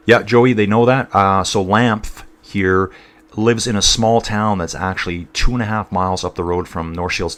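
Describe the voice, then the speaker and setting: On a laid-back cycling stream, a man from North East England chats with a fairly low voice and a fairly bright tone. He meanders between calling the race and reading viewer comments, referring to everyone as "dude" and "guys."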